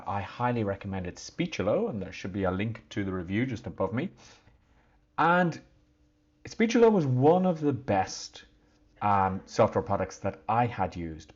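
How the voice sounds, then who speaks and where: A man hosting a weekly online show, giving an upbeat, chatty software review. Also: medium pitch, dull audio.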